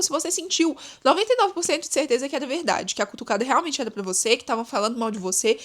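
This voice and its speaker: A young woman hosting a casual advice podcast, talking in an expressive, chatty way and often calling out to her listeners. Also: fairly high pitch. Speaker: podcast host.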